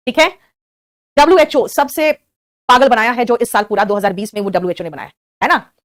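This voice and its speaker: A woman with an Indian accent teaching a spoken English class, patiently coaxing and quizzing her students. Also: a little high.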